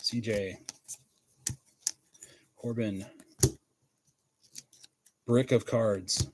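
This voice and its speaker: A man's voice: lowish voice, steady tone, very slow, background noise. A man hosting a live card break, chatting casually, calling out players and laughing often. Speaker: card breaker livestream host.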